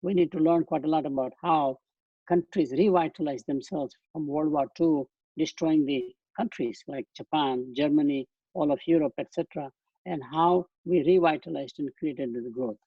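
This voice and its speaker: Speaking at a moderate pace in a fairly high voice with a breathy edge, an Indian-accented guest speaker in his eighties delivers a slide-based webinar lecture by video call. He rambles and often restarts his sentences, and the dry, dull webcast audio has no echo.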